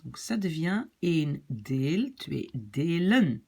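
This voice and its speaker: Woman language teacher, lower voice with a lively rise and fall, unhurried, keeps asking if the class follows. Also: creaky, husky. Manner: patient, checks in with listeners often. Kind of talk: explaining Dutch spelling step by step.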